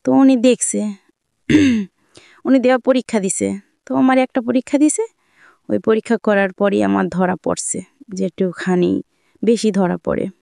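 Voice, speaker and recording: Recounting her own life as a guest, a young woman speaks in colloquial Dhaka-area Bangladeshi Bengali, plainly and with rambling repetition. Her mid-range voice is warm, creaky and fairly even, unhurried with long pauses, in clean studio sound with no room tone.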